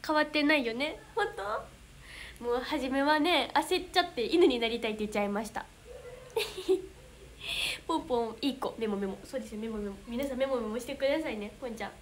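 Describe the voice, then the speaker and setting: Speaking in a high voice with a Kansai Japanese accent, this young adult woman hosts a casual idol livestream, reading out fan comments. She comes across as bubbly and giggly, quick to get flustered, and there's slight background noise.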